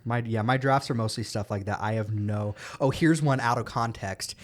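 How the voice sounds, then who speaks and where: A man's voice: fairly low pitch, normal speed. A young man co-hosting a podcast in casual, playful chat, often stumbling and restarting. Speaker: podcast co-host.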